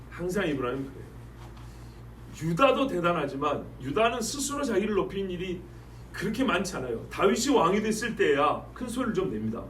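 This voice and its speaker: A male pastor preaching a Wednesday sermon, asking the congregation rhetorical questions and reading scripture verses slowly and with weight. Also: sits high, a bit bright, roomy sound, recorded from a distance, a little hiss or hum, low-quality recording.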